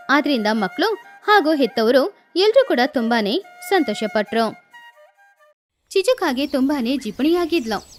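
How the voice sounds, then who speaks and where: A woman narrating a cartoon story for children in a steady storytelling manner. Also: sits high.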